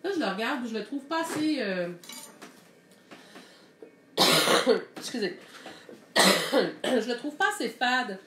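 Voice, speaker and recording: A woman's voice: on the high side, expressive, takes it slowly, pauses often, a bit bright, echoey room, a little hiss or hum. A woman with a Québécois French accent teaching a live painting lesson, thinking aloud in a chatty way as she mixes colors.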